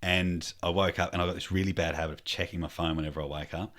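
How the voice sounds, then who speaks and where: A man's voice: low voice, fairly even intonation, fast talker, fairly bright tone. A young man telling a story in a laid-back chat, swearing freely and trailing off with fillers. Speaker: podcast host.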